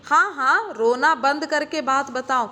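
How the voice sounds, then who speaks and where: A woman's voice: sits high, measured pace, sharp tone, in a large hall. A woman voicing a strong young warrior who speaks directly and urges others to explain. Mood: urging. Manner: direct, urging.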